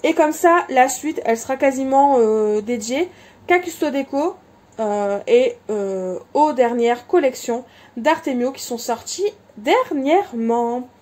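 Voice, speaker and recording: This crafting vlogger has a high voice with a slightly dark tone, lively intonation and a measured pace. She shows her craft supplies in a chatty, casual vlog, full of fillers and self-corrections.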